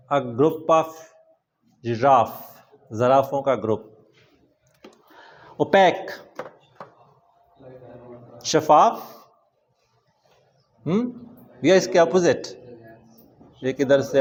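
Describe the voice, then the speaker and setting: A man with a Pakistani accent teaching a classroom vocabulary lecture. He reads English words slowly and explains them in Urdu. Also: on the high side.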